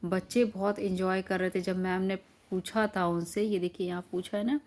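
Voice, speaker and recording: एक महिला शिक्षिका, जो बच्चों को धैर्य से शब्दों के अर्थ समझाती है और हर शब्द को धीरे-धीरे दोहराती है।. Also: female voice, medium pitch, flat delivery, a little mellow. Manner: repeats each word slowly, patient classroom explaining. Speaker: teacher. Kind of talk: explaining word meanings to children.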